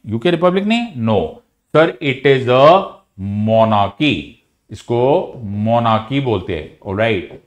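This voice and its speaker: A man with an Indian accent teaching an online exam-prep lecture. He mixes Hindi and English, asks questions and answers them himself, and talks to students in a frank, scolding and then encouraging way. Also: medium pitch.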